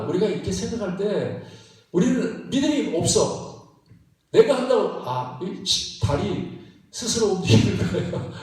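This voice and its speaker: Animated preaching man in an echoey hall. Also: high voice. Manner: emphatic, repetitive preaching with laughing asides. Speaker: pastor. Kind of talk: sermon. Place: church sanctuary. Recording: echoey church hall, mic at a distance.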